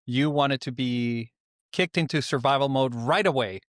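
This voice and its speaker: Middle-aged man, mid-pitched, dry close sound, measured guest. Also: no echo. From Venezuela. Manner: calm, explanatory, with frequent "uh" pauses. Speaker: guest author. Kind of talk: reflective interview answers.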